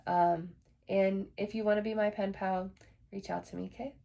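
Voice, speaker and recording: Woman podcast host, gravelly voice, dark mellow tone, casual frank chatter. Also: medium pitch, fairly even intonation, normal speed, muffled recording. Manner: chatty, frank, swears when frustrated. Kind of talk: casual solo podcast chat.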